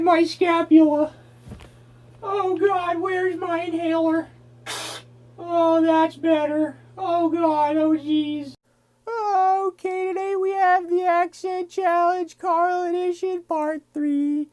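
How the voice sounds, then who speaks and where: Someone doing a comic impression of a timid, whiny cartoon boy, with a nasal voice and halting delivery that stretches out words. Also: very high-pitched, steady tone, darkish tone. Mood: whimpering, panicked. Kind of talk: comic impression challenge, short catchphrases.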